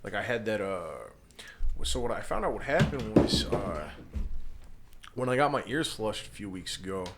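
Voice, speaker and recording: A man's voice: lowish voice, expressive, moderate pace, very noisy. A man in his early thirties chatting casually in profane, slangy talk peppered with man and dude. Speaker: band musician and podcast participant. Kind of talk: casual chat.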